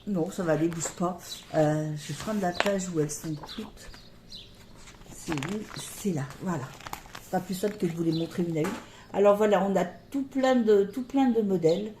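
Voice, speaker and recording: A middle-aged woman chatting casually about her knitting, hesitant, with many pauses and fillers, recorded by a camera on a table near her. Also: fairly low pitch, echoey room, noisy background. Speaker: knitting podcaster.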